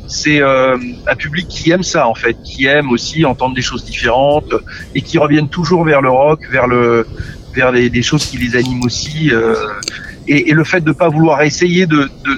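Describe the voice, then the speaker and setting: A middle-aged musician, interviewed in a relaxed setting, covers his career and family while frequently stumbling and repeating himself. His voice is on the high side and fairly bright. The recording is muffled, with slight background noise and music behind him.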